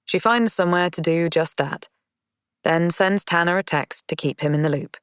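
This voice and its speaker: A man narrating a mystery audiobook in a measured, even reading. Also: on the high side, smooth, no echo. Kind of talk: scripted narration.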